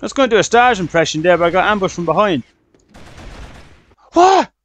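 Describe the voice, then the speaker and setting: A man with a headset, excitedly commentating his own shooter gameplay, swearing and shouting at the game. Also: high voice, racing. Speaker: gaming channel host.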